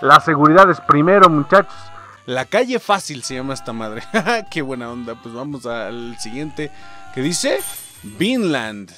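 A young man commentating a video game, shouting, laughing and swearing as he plays. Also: mid-range voice, big pitch swings, unhurried. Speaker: gaming youtuber. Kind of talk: excited gameplay commentary. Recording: game music behind the voice.

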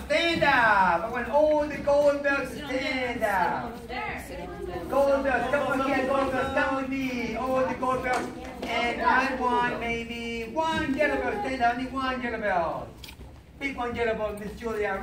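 A man leading a martial arts class, calling out commands and counts. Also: extremely high pitch. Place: large indoor hall. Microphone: far-off camera. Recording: echoey noisy hall from far off.

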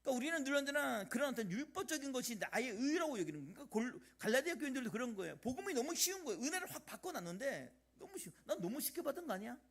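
A middle-aged man preaching a sermon as pastor of a church, animated, swinging between loud emphasis and quiet asides. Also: extremely high pitch, rapid-fire, few pauses. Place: church sanctuary.

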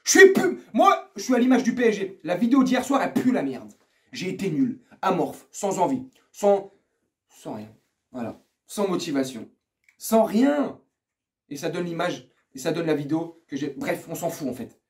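Ranting vulgar football vlogger, high voice. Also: male voice, lively intonation, normal speed. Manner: vulgar, ranting, swings from muttering to shouting. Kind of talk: angry football rant. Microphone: earphones mic.

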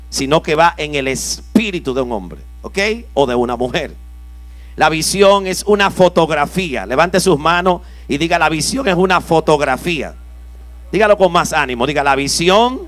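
A male pastor preaches in a fairly high voice, calling on the congregation to answer back and slowing down to read scripture low and soft. His voice is close and dry on the mic. A faint mains hum runs underneath. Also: dry recording. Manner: preaching with call-and-response prompts to the congregation; reads scripture slowly, dropping low and soft. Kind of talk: sermon. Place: church conference hall.

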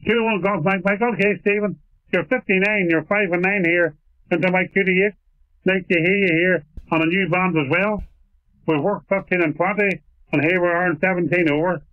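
A man from Ireland, heard over a shortwave radio as a ham operator, speaking in steady radio procedure and ending each turn with "over.". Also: high voice, fairly quick, no echo. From Northern Ireland. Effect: heard over a shortwave radio receiver. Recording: tinny narrow-band radio signal.

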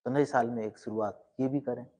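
A middle-aged man coaching law exam students with an earnest, emphatic motivational talk that swings between emphatic rises and quiet asides. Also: medium pitch, fairly even intonation, a little fast.

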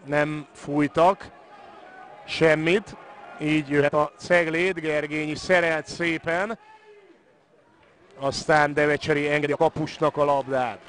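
Male football commentator, slightly high voice. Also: steady tone, long pauses, a bit bright. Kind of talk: live sports commentary mixing play-by-play and analysis.

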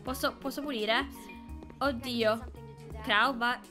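A young woman gamer chatting to her viewers while playing, excitable and talkative. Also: on the high side, takes it slowly. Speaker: gaming YouTuber. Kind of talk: let's play commentary. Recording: game music behind.

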